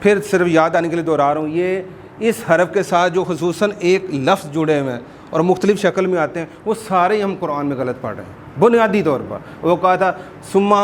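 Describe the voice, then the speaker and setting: A man teaches a Quran class in a fairly high voice. He explains patiently and drags out words to show how to say them, with faint hiss in the background. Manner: explanatory, repeats words slowly to demonstrate pronunciation. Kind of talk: informal religious class lesson.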